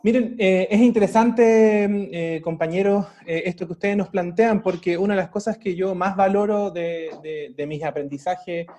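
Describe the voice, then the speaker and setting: A man asking a long, measured interview question, with a few hesitations along the way. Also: high voice, mellow.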